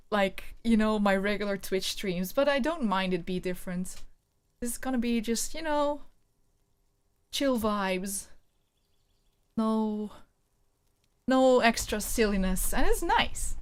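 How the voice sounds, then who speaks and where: A woman streamer from the Netherlands with a Dutch accent, chatting casually and thinking aloud while playing. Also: on the high side. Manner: relaxed, chatty, thinking aloud with many fillers. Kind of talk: casual game stream chat and reading aloud.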